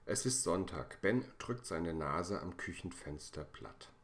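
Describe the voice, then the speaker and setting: A man reading a children's story aloud, calm and measured with gentle expression. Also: deep voice.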